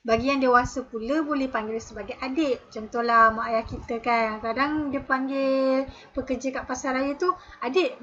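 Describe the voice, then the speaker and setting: A woman's voice: high voice, a bit bright, dull audio. A woman teacher with a Malaysian Malay accent, patiently explaining a lesson and dropping in frequent "okay" and "ha" fillers. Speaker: special education teacher. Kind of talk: recorded classroom lesson.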